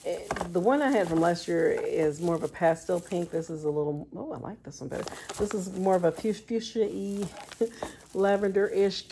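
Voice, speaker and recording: A woman's voice: lowish voice, moderate pace, dark tone, a little hiss or hum. A middle-aged woman, chatting affectionately through a shopping haul as a vlog host and laughing often. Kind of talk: casual shopping haul chat.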